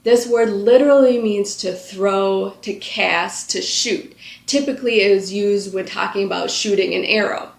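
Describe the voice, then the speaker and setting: In an echoey room, a woman in her thirties leading a Bible study reads a psalm aloud, then explains it earnestly and conversationally, with frequent filler words. Her medium-pitched voice is creaky and unhurried, with fairly even intonation.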